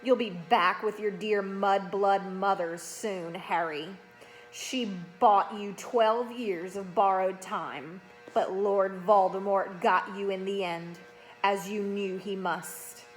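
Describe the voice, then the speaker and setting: A woman's voice: mid-range voice, fairly even intonation, takes it slowly, pitched below the performer's own voice, close to an everyday voice, rough recording. Woman as teenage male storybook villain, cold, taunting, smug menace, music underneath. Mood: triumphant taunting. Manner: taunting, cold, self-satisfied. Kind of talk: children's fantasy storybook read aloud.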